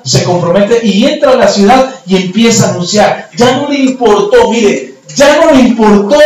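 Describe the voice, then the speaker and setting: A male pastor preaching a sermon in a storytelling way, swinging from hushed tones to shouting. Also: extremely high pitch, slight background noise. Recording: echoey church hall from far off.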